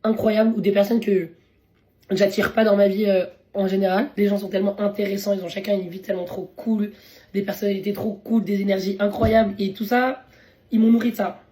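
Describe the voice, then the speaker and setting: A young woman with a hoarse, worn voice chats casually in a food vlog, slangy and quick to laugh. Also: mid-range voice, little pitch movement, dark tone. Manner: chatty, slangy, laughs often. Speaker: vlogger.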